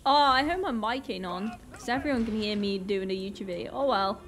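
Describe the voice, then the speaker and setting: A young Northern Irish woman who is sick, her voice a bit off, is a gaming YouTuber doing casual let's-play commentary on a game she's new to. With a medium-pitched, fairly bright voice, she talks fairly quickly, sounding flustered and exclaiming often.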